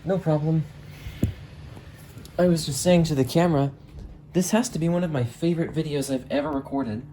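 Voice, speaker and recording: This weather-radio reviewer has a mellow voice on the high side and talks at a normal speed. A passionate radio hobbyist, he chats with friends and rambles casually to camera, recorded amateurishly amid noise and the sounds of a storm.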